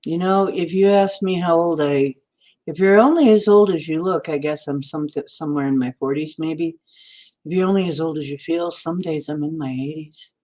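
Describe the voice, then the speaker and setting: Her voice sits low and sounds warm, moving at normal speed. She is a livestream host in her sixties, chatting in a meandering way and responding to viewer comments as they come in.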